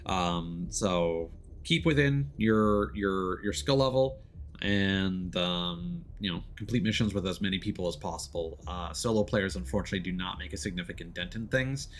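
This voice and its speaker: A video game streamer with a low voice talks at normal speed over slight background noise. He casually explains how the game's mechanics work while livestreaming, hesitant and thinking aloud.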